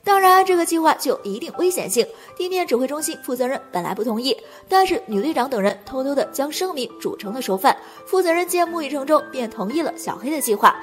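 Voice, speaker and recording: A woman reading a scripted movie recap as narrator, talking fast in a continuous delivery. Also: high voice, expressive, soft background music.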